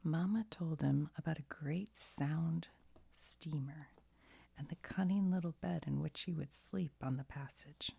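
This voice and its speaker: Here a woman gently reads a bedtime story, ASMR-style, her deep voice a breathy, hushed half-whisper in a soft storybook tone. She speaks slightly slowly, and the recording is dry.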